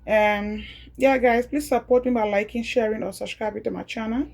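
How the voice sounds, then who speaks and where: A Liberian woman who makes home videos chats casually with a Liberian accent, slowly repeating each step of a home tutorial. Her slightly high voice is creaky and a little mellow, with fairly even intonation.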